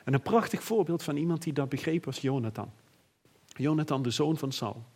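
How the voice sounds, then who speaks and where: Male preacher, middle-aged, slightly high, husky voice, earnest and reflective delivery. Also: brisk, darkish tone. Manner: earnest, reflective, with many fillers and restarts. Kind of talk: sermon.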